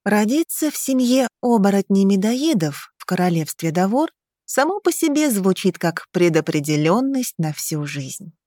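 A woman narrating a fantasy novel in a slow, measured audiobook reading on a close mic. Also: mid-range voice, sing-song, dark tone, dry recording.

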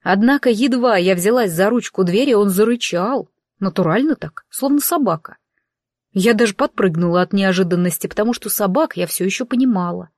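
A woman's voice: medium pitch, a little fast, darkish tone, no room sound. Woman narrating with dry wit. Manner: wry, dry-humoured. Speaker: audiobook narrator. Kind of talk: first-person audiobook narration.

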